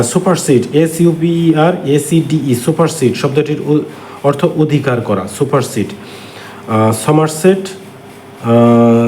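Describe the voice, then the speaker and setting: A man with a Bangladeshi accent, teaching English grammar by walking through exam answers step by step with frequent filler pauses. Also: mid-range voice, warm tone. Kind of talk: exam question walkthrough lesson. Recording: echoey room with faint ambient noise.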